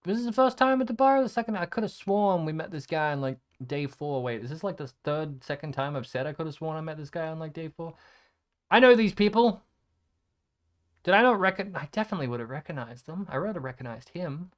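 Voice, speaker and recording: Flipping through his photos, a young content creator spins a sarcastic, meandering story in casual conversation, cursing freely. He talks a little fast in a fairly high voice.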